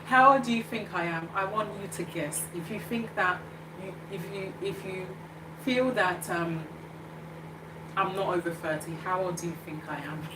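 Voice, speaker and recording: A woman's voice: on the low side, moderate pace, roomy sound, distant mic, noisy background. A woman in her thirties hosting a casual live chat, hesitant and full of fillers and restarts. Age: 30s. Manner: hesitant, many fillers and restarts, laughs often. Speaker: show host reading live comments.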